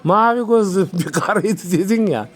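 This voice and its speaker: A man's voice: sits high, moderate pace. A man in casual chat, putting short questions and answers. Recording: noisy recording with ambient sound.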